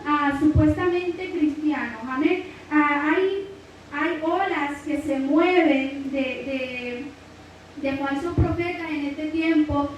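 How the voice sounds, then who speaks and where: A high-pitched woman from Mexico with a Guerrero accent teaches a Bible lesson in preaching style. She fills it with "amen," praise phrases and calls of "brother." The voice comes from a distance in a heavily reverberant church hall with a faint hiss underneath. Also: a little mellow, lo-fi sound. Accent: Mexican Spanish, Guerrero.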